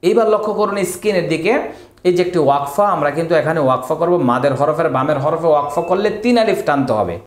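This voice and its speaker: A man teaching Quran recitation. He spells out letters and vowel marks slowly, chants the verses, then explains the rules in quick asides. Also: a little high, expressive. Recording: echoey room.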